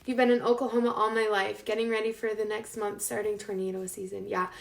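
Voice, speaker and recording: A woman's voice: mid-range voice, little pitch movement, fast. A woman in her thirties with a North Dakota accent, hosting a casual cooking livestream and chatting informally straight to viewers. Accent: North Dakota, upper Midwestern American. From Las Vegas, United States. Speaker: host of a live cooking show. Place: home kitchen, indoors. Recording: echoey room, clearly noisy with clicks.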